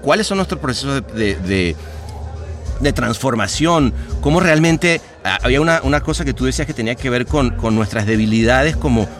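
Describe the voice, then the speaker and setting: A man's voice: mid-range voice, animated, fairly quick, faint music behind. A man with a Venezuelan accent, a podcast guest talking in a reflective, rambling way with many restarts. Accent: Venezuelan Spanish. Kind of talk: casual conversation.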